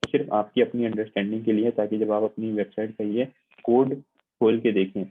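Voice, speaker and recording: A man's voice: on the low side, flat delivery, a little fast, noisy background. A man teaching a computing lab online, explaining step by step as he demonstrates on screen and checking in often with his students. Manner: patient, repetitive explaining with frequent check-ins. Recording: tinny, phone-like narrow sound.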